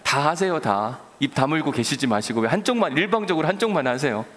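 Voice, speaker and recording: A man's voice: fairly high pitch, animated, quick pace, a bit bright. A male pastor preaching a sermon, coaxing his congregation with direct questions and prompts. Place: church sanctuary. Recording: long church hall reverb.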